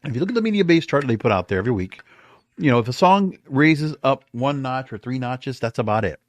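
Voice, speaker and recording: Hosting a solo podcast, a man offers opinionated commentary emphatically and ramblingly, often repeating himself. His mid-range voice has lively intonation and a slightly fast pace in a dry recording.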